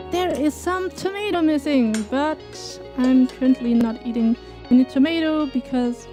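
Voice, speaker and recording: A German woman streams live from her home kitchen while baking, chatting casually with viewers and laughing often. Her voice sits high and sounds mellow.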